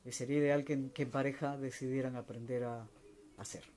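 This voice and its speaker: A man answering viewer questions in a slow, reflective spiritual talk, searching for words and letting phrases trail off softly. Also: medium pitch, level tone. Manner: slow, searching, with many restarts and soft trailing endings.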